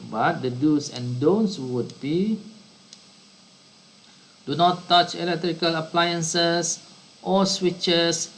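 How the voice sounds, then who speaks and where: Giving a slow online science lesson to children, a man from Brunei keeps repeating and rephrasing his words. He has a voice on the high side with a fairly bright tone, captured in a rough recording with slight background noise.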